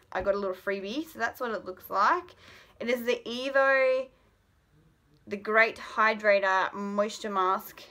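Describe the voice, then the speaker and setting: Bright-voiced Australian woman chatting casually. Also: on the high side. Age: late 20s. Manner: chatty, rambling, lots of ums. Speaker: vlogger. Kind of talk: casual product haul chat. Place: bedroom at home. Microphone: built-in camera mic at arm's length.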